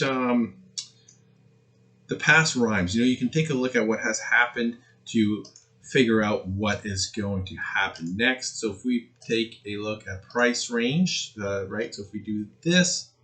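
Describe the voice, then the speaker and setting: A man's voice: mid-range voice, fairly bright tone. A man hosting a trading channel, giving casual chart commentary in a crypto-bro manner, mixing hype with hedging.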